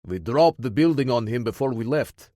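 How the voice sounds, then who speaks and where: A man's voice: medium pitch, animated, normal speed, dark tone, no room sound, clean studio sound, natural voice. A man reading an audiobook, voicing a cold, gloating mercenary. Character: gloating male Russian mercenary, deep and cold. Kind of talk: audiobook character voice.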